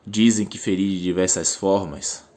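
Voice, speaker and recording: Deep, cold male Violence, acted by a man. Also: fairly even intonation, moderate pace, mellow, lightly acted. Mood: cold, boastful. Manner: declarative, unrepentant. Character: Violence personified, cold, boastful male torturer of dictatorship. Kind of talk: theatrical radio drama monologue.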